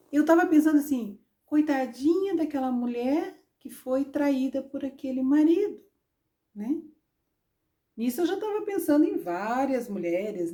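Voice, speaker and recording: With a high-pitched voice and a dark tone, a middle-aged women's ministry preacher delivers a sermon. She tells her personal testimony conversationally, like a story, often tacking on tag questions.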